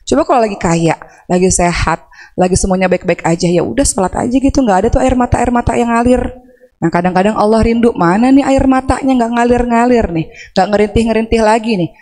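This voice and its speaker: A woman's voice: on the high side, quick pace, dark tone. A woman preacher talking casually to a women's audience, asking them questions and acting out anguished prayers. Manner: conversational, asks the audience questions; acts out anguished prayers in a raised voice. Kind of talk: religious talk to women. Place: large mosque hall. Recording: long hall reverb.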